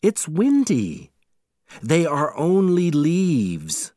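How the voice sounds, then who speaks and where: A storybook reader voicing a gentle, brave young woman heroine in a slow, careful reading voice. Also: medium pitch, wildly swooping pitch, dry recording, studio quality, pitched above the performer's own voice, heavily acted. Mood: pleading.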